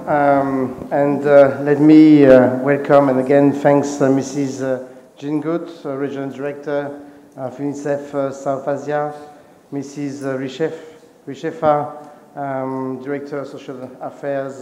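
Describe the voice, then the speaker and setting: A man moderating a formal event, speaking haltingly and searching for his words in a large conference hall. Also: medium pitch, fairly even intonation, dark tone, slight background noise. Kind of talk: formal welcome speech.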